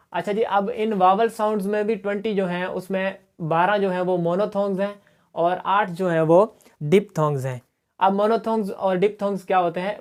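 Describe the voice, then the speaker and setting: A woman's voice: on the low side, a little mellow. A woman teaching English phonetics, explaining a pronunciation chart patiently and often checking that students follow. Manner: mixes English words into Hindi.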